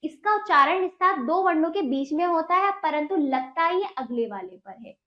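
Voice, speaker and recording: A woman's voice: extremely high pitch, lively intonation, moderate pace, echoey room, muffled recording. A woman teaching a Hindi lesson to children, patiently asking questions and answering them herself.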